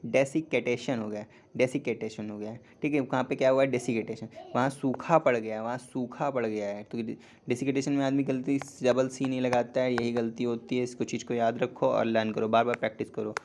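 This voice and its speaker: Young male tutor, mid-pitched voice, patient and repetitive delivery, faint hiss in the background. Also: a little mellow. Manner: explains slowly, repeats words, asks and answers himself, "ठीक है" after each point. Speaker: English teacher on a channel. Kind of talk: casual classroom lesson.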